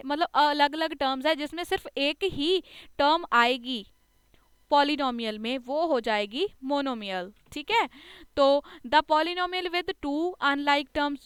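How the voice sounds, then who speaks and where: High-voiced woman teaching maths. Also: fairly bright tone, no echo, studio quality. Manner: patient, step-by-step explaining, slows to read terms aloud, often adds a checking "okay". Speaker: maths tutor. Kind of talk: classroom lecture explaining maths.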